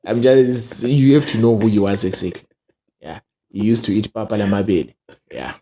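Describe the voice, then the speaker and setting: Mellow-voiced Southern African man telling stories. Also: lowish voice, normal speed, slight background noise. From Zimbabwe. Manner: casual, slang-laden, acts out quoted speech. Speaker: ventriloquist, interview guest. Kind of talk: animated casual storytelling.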